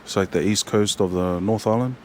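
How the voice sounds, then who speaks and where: A young man with a New Zealand accent, a rugby player chatting as a guest in a casual interview, halting and full of fillers and restarts. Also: lowish voice, a little mellow, slight background noise.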